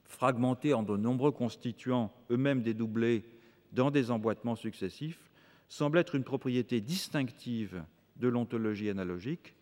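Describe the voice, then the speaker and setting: Speaking at medium pitch with a somewhat mellow quality, a man gives a formal lecture to listeners in a lecture hall. He reads lengthy, carefully paced sentences and occasionally hesitates with fillers.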